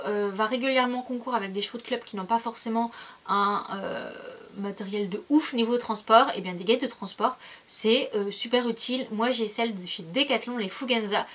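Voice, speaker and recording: A woman's voice: fairly high pitch, fairly bright tone. A woman in her twenties from France, chatting casually through a vlog gift guide, with many hesitations and self-corrections. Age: 20s. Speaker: equestrian vlogger.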